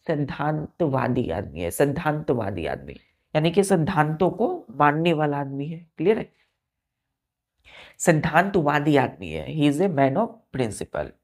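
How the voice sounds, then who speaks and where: A woman's voice: low-pitched, a little mellow. A woman teaching a vocabulary lesson. She spells words out letter by letter and keeps checking that her students are following. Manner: spells words letter by letter, asks "clear?" often.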